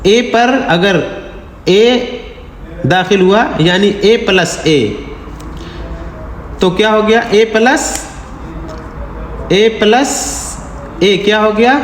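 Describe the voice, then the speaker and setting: Slow, high-voiced man teaching in an echoey room. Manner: repeats sounds, asks rhetorical questions. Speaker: Quran teacher. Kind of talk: slow step-by-step lesson. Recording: echoey room with long reverb, faint hiss.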